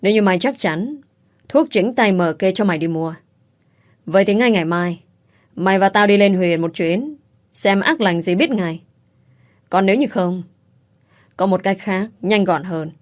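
A woman voicing a calm, mocking young wife who corners her rival. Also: medium pitch, moderate pace, pauses often, close to an everyday voice. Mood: taunting. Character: cool, cutting young wife taking revenge.

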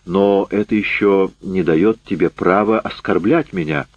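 A man voicing a tense, defensive official who strains to stay calm, in a dull, dry recording. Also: deep voice, unhurried, no room sound.

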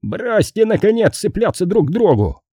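A burly, exasperated police chief, as a man reads him who scolds and keeps the peace. The voice sits higher than the reader's own, with a husky grain, and swings lively between his words. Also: a little slow, no echo, studio quality, full character voice. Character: heavyset male police chief, gruff peacemaker.

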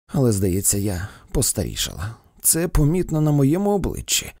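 A nervous society lady speaks softly through her tears, as a man reads her lines. Her speech rises and falls with lively shifts, dark and husky in a dry close recording. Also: medium pitch, moderate pace, no echo. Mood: tearful. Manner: soft, tearful and fluttery. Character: anxious, fussy society lady.

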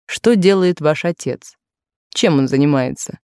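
A woman voicing an insistent, possessive wealthy man courting a young maid, in a lowered, slow, pressing voice in a dry studio recording. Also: darkish tone, smooth, no room sound.

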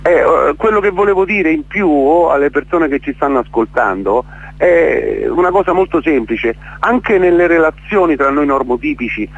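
An event organiser with a fairly high, expressive voice speaks at a moderate pace in a radio interview. He's emotionally stirred, hammering his points by repeating words and asking "capito?". The sound is dull and lo-fi.

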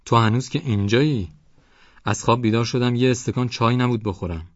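A man reading an audiobook, voicing a gruff, swaggering male village headman with a husky, sleepy voice and a bossy, boastful manner. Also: medium pitch, dry recording, lo-fi sound, pitched above the performer's own voice, lightly acted. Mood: scolding.

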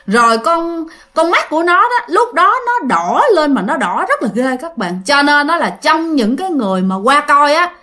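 A woman tells a ghost story in a chatty, conversational way. She keeps turning to her listeners. Her voice is high and bright. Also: very animated, moderate pace, hardly any pauses. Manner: chatty, addresses listeners directly.

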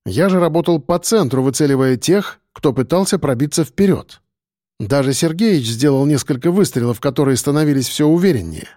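A man narrating an audiobook in the first person in a steady, tense storytelling manner. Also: a little high, brisk, no room sound, clean studio sound.

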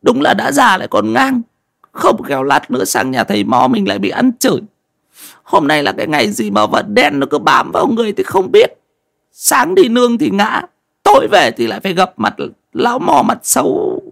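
A man's voice: high voice, expressive, normal speed, voice pushed up. A man voicing a timid young male servant who stammers and pleads, in a story reading. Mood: grumbling. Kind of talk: storybook voice acting.

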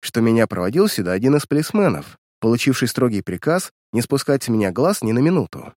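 A man voicing a calm, resolute young woman in an audiobook reading, cold and composed. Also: mid-range voice, fairly quick, no room sound, clean studio sound.

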